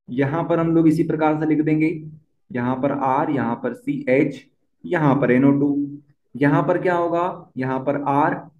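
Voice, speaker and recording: A young man teaching a chemistry lesson, often repeating key points and asking the class questions. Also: fairly high pitch. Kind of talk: board-exam lesson at a whiteboard. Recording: dull, echoey room.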